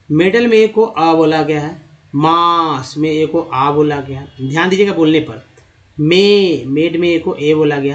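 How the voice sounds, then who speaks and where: A man teaching English pronunciation, sounding out words slowly and explaining each vowel sound. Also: fairly high pitch, lo-fi sound. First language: Hindi. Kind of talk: spoken pronunciation lesson.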